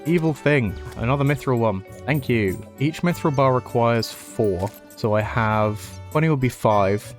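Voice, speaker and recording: A man's voice: mid-range voice, a little slow, hardly any pauses, faint music behind. A man talking casually over his own gameplay, chatty and self-mocking with sarcastic asides. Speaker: gaming YouTuber.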